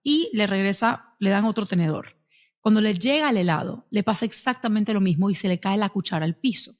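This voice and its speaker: A woman hosting a casual interview, telling stories in an animated way. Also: medium pitch, brisk. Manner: animated storyteller. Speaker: host.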